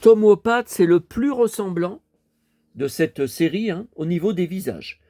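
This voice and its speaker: In a high, dark voice with lively intonation, a man takes his time showing his toy collection. He rambles in a relaxed, chatty way, speaking right to the people watching.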